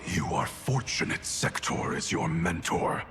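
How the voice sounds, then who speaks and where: Ruthless clan grandmaster, very low voice, slow, commanding, game cutscene, music behind. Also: male voice, big pitch swings, a bit bright, heavily acted. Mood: stern. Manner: commanding, measured, cold. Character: stern, ruthless male grandmaster of a warrior clan. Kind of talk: dramatic video game acting.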